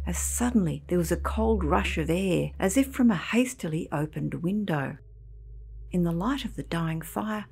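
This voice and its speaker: A woman narrating a scripted ghost story in a measured storybook delivery, with a husky, slightly breathy voice. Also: fairly low pitch, a little mellow, a little hiss or hum.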